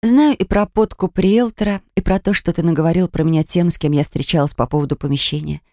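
A woman voicing a proud, sharp-tongued young woman. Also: fairly low pitch, brisk, no room sound, studio quality, close to an everyday voice. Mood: cold, defiant.

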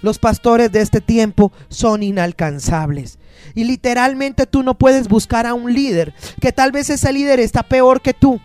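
A man's voice: very high-pitched, unhurried, darkish tone, dry recording, soft background music. A man pastor preaching a sermon with emphatic repetition, quoting scripture and acting out the pleas of his congregants.

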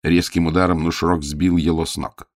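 A man reading a story aloud in a dramatic, lively way. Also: sits low, moderate pace, dry recording, studio quality. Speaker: audiobook narrator. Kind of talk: expressive storybook narration.

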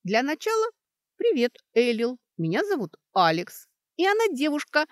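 A woman's voice: high voice, huge pitch swings, a little slow, a bit bright, no echo, clean studio sound, pitched above the performer's own voice, exaggerated voice. A woman reading a story, voicing a timid, hopeful young woman student who speaks in a shy, pleading way.

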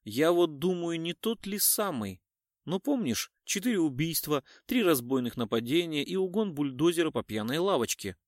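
A man's voice: sing-song, moderate pace, no echo, studio quality. Man doing a stern police colonel. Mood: serious. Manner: low, terse, commanding. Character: stern male police colonel, calm and commanding.

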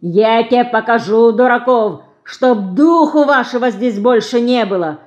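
A woman reader voicing a gruff male yard keeper who shouts and drives people away. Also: medium pitch, extremely slow, muffled recording. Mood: angry.

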